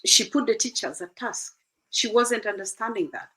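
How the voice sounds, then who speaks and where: A woman's voice: fairly high pitch, normal speed, bright, forceful tone, low-quality recording. A middle-aged woman from Uganda, a guest in an interview, earnestly giving advice and acting out conversations with her children.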